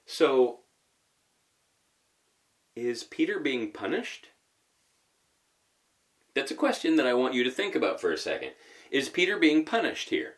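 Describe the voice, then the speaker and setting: A man's voice: mid-range voice, very animated, a little slow, long pauses. A man giving a conversational sermon, posing rhetorical questions and thinking aloud with fillers as he teaches. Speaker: preacher.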